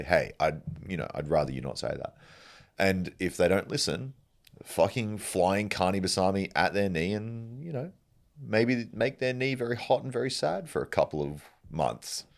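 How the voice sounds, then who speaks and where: A man's voice: low voice, animated, normal speed, vocal fry, darkish tone. A man hosting a solo podcast, rambling and joking with lots of swearing. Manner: rambling, profane, joking, laughs often. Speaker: podcast host. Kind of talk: casual solo podcast monologue.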